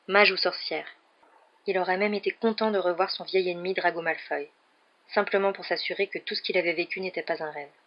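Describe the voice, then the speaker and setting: A woman reading a storybook aloud in an even, measured narration. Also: fairly low pitch. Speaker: audiobook reader. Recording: dull lo-fi recording.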